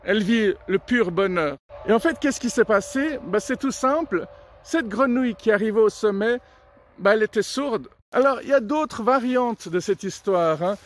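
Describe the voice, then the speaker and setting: High-voiced man telling stories. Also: expressive, moderate pace, a little hiss or hum. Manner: chatty, digressive, many filler sounds. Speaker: storyteller. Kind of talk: casual joke and story telling.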